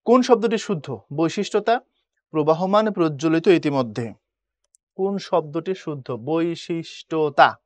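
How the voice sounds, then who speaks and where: A man's voice: on the high side, animated, unhurried, a little mellow, no room sound. A man teaching a Bengali grammar lesson with a Bangladeshi accent. He explains step by step, often checks whether the students follow, and mixes in English words. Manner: explains step by step, asks "বুঝছো?". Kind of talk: admission test coaching lesson.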